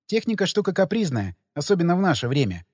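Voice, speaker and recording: A caustic young woman in an audiobook, as a male narrator puts her on, all curt retorts. Her voice sits high and swings up and down lively. The read is dry and close, with a long reverb tail on it. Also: quick pace. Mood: brisk. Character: sharp-tongued young woman tech expert.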